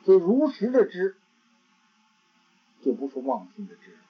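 A man giving a Buddhist dharma talk, halting and repeating words as he searches for phrasing. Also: sits high, very animated, a little hiss or hum. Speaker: Buddhist teacher. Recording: dull lo-fi recording.

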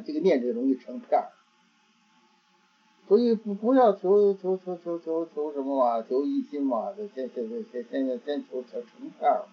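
A man giving a Buddhist dharma talk, halting and repeating words as he searches for phrasing. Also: high-pitched, husky. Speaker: Buddhist teacher. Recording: dull lo-fi recording.

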